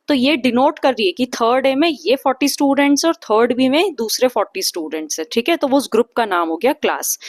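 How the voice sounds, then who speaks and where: A woman's voice: on the high side, dry recording. A woman teacher explaining a grammar lesson to young students, patiently asking the class questions and answering them, with Indian English on the English terms.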